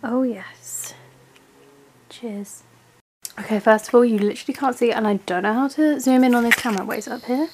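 A young woman from England talks to camera in a chatty, gushing home vlog. Her voice sits a little high and lively. A faint hiss runs under the talk. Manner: gushing, chatty, quick to laugh. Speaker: vlogger. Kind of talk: casual vlog chat.

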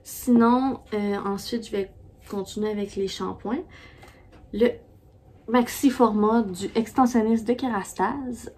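A woman's voice: mid-range voice, fairly even intonation, takes it slowly, mellow, slightly rough. A woman with a Québécois French accent chatting casually as a beauty vlogger, rambling with many fillers and restarts. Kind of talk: casual product review.

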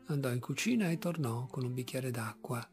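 A man narrates a literary story in a measured, expressive audiobook reading. His middle-pitched voice has a gravelly texture, and soft music plays faintly behind him. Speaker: audiobook reader.

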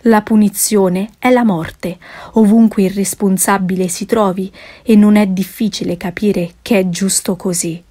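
A woman narrating an audiobook of a classic adventure tale, reading in a measured, expressive way. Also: medium pitch, breathy edge.

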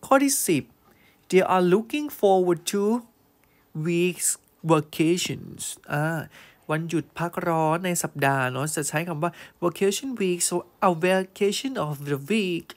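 A male teacher giving an online English grammar lesson. He reads test sentences slowly, then explains them fondly, calling students "child" and checking they follow. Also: on the high side. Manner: fond, calls students "child" and checks understanding.

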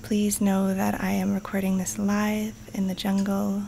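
A woman teaching yoga nidra guides a meditation in the jungle, speaking at a medium pitch in a gentle, breathy, half-whispered tone that stays calm and soothing, leaving long pauses. This live outdoor recording carries slight background noise along with faint birds and insects from the surrounding wildlife.

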